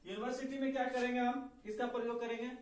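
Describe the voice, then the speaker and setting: A man's voice: extremely high pitch, little pitch movement, fast talker. Man teaching, echoey far room. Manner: asks questions often and repeats them. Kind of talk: classroom lesson with call-and-response. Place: classroom.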